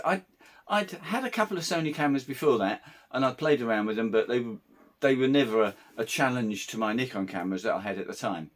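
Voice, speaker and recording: Croaky-voiced man chatting through a review. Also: mid-range voice. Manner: conversational, meandering. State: slightly croaky voice. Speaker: wedding photographer. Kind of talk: casual camera review vlog.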